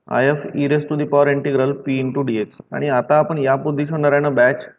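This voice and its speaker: Gravelly and mid-range, this man's voice delivers a stern online math lecture. The teacher is from Maharashtra, India, and he scolds, repeats himself, and mixes English math words into his speech. The audio is dull and lo-fi.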